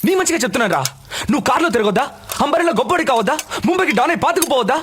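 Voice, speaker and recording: A man's voice: extremely high pitch, animated, very fast, a bit bright, slight background noise. An actor playing a scheming man who talks urgently and persuasively in film dialogue. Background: film score music.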